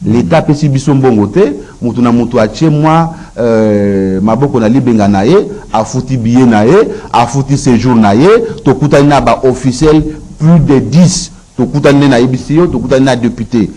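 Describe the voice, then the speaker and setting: A man from Congo speaks as a talk-show guest in an even, mid-range voice. He talks with emphasis and builds his points through rhythmic repetition. He slips freely between Lingala and French. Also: mid-range voice, normal speed, hardly any pauses, low-quality recording. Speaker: guest commentator. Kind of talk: political talk-show discussion.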